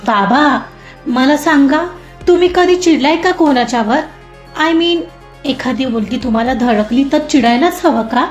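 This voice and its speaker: A woman voicing a lively, chatty young woman in an audio story, talking expressively to her father. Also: high-pitched, unhurried. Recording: roomy muffled recording, soft music.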